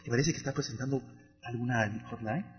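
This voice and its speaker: A man's voice: mid-range voice, fast. A Mexican man hosting a radio talk show, teasing his co-hosts with crude slang. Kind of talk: casual banter. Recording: muffled lo-fi radio audio.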